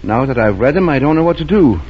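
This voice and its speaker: An actor playing a kindly, gently humorous small-town family doctor in a 1940s radio drama. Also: male voice, on the high side, animated, quick pace, breathy edge. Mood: thoughtful, explaining. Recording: dull, noisy 1940s radio recording.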